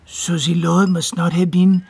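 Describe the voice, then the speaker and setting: A man's voice: sits high, flat delivery, a little slow, vocal fry, darkish tone, husky, exaggerated voice. An actor playing a courteous, inquisitive French man with a French accent, speaking in a formal, polite way in a radio drama. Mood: courteous, curious.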